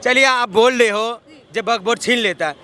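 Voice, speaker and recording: A man with a very high-pitched voice talks a little fast, pushing his argument insistently in a street interview and cutting in to be heard. The heated debate takes place outdoors on a city street, with a crowd of bystanders audible behind him.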